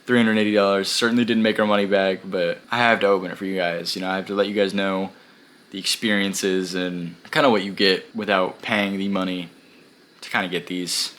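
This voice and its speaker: A man hosting a card pack-opening video, chatting casually to camera with lots of fillers and self-corrections, his voice going a little hoarse. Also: sits low, little pitch movement, fairly quick, a bit bright.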